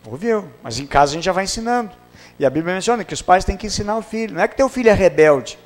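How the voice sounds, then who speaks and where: A man's voice: high voice, animated, fast talker. Storytelling pastor, man. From Brazil. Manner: storytelling with acted dialogue, swings from loud to hushed. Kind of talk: sermon.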